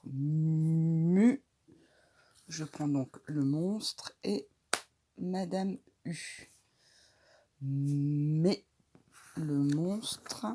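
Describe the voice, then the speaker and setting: A woman teacher, slowly demonstrating a reading activity and stretching out each sound. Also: deep voice, background noise. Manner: slow, deliberate, stretches out sounds.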